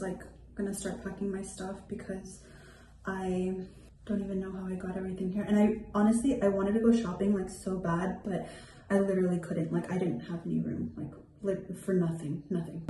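A woman's voice: mid-range voice, dark tone, reverberant, a little hiss or hum, poor audio. A young woman chatting casually to the camera in a hotel room. She sounds tired and rambles, saying "like" often. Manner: chatty, rambling, heavy use of "like". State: tired from lack of sleep. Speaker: vlogger. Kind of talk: casual vlog chat to camera. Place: small hotel room, indoors.

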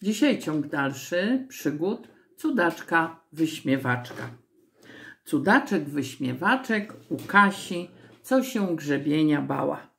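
Woman reading a children's story aloud, low gravelly voice, animated pitch, unhurried pace. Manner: expressive, slow storytelling.

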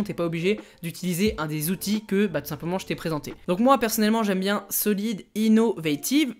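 A man hosting a casual screen-share tutorial, talking to the viewer informally and often pausing to hesitate. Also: sits high. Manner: chatty, addresses viewer informally, frequent hesitations. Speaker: online money-making channel host.

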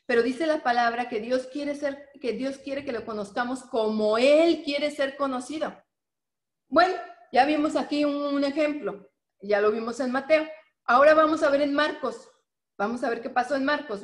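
A woman's voice: sits high, normal speed, reverberant. A woman teaching a Bible lesson, reading verses with emphasis and asking listeners to follow along. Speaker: preacher.

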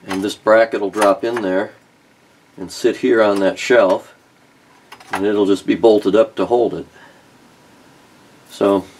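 Slight background noise accompanies a lowish, somewhat mellow male voice. He's a middle-aged car restoration vlogger at a workbench in his home workshop, musing casually through a repair with frequent ums and false starts.

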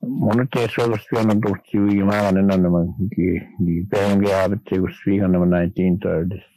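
An older man from Manitoba, Canada, a guest on a radio interview, recalling old times in a rambling, halting way with many restarts. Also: low-pitched, fairly even intonation, noisy background.

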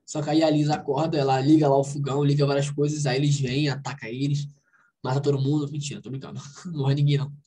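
A man with a Brazilian Portuguese accent leads an online English conversation class. He explains vocabulary patiently, slows down on the English words, and keeps checking in with his students. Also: medium pitch, little pitch movement, dark tone, a little hiss or hum. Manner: explains patiently, repeating English words slowly and asking "tá legal?". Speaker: English teacher.

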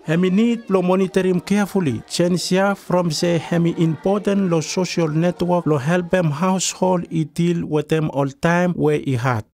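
Higher-pitched man narrating in Melanesian Pidgin. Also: fairly even intonation, normal speed, hardly any pauses, a little mellow. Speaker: documentary narrator. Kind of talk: scripted narration in Solomon Islands and Vanuatu pidgin. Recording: voice-over with music behind. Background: music.

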